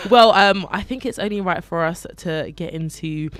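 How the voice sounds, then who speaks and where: A woman's voice: on the low side, measured pace, no echo. Bubbly woman radio host. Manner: bubbly, chatty, laughs often. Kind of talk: casual radio interview.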